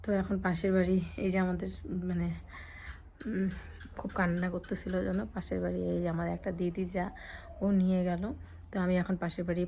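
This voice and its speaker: Young woman, chatty home vlogger, soft-spoken, light background hiss. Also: on the low side, monotone, fairly quick, pauses often. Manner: soft-spoken, chatty, addresses viewers directly. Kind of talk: casual vlog narration.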